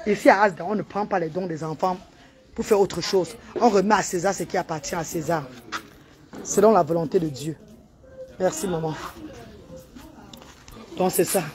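A woman's voice: medium pitch, darkish tone. A woman hosting a casual live stream at a charity event, chatty and calling out praise and instructions.

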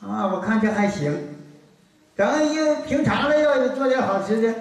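A man's voice: high-pitched, animated, moderate pace. An older man from Northeast China with a Northeastern Mandarin accent, telling stories in an earthy, colloquial way during a lecture. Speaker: folk lecturer. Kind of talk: storytelling lecture. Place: lecture hall. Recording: very echoey hall from far off.

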